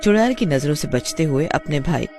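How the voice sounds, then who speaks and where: A man giving scripted narration of a cartoon horror story in a steady storytelling manner. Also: a little high, normal speed, faint music behind.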